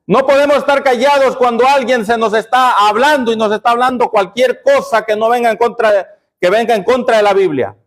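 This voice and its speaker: A male pastor preaching with a notably high voice. He drives the sermon by firing questions at the congregation and supplying the answers, dropping lower for emphasis. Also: a little fast. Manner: call-and-response questioning of the congregation.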